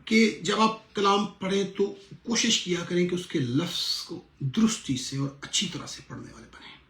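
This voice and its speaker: Gravelly-voiced pastor teaching, echoey room. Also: male voice, sits high, animated, fairly bright tone. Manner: earnest, repeats words slowly to show correct pronunciation. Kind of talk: sermon-style lesson.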